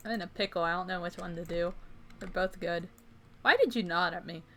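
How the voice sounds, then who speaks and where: A woman's voice: lowish voice, a little fast, bright, forceful tone, a little hiss or hum. A woman streamer in casual gaming chat, playful and giggly. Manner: playful and giggly, reads quest text aloud.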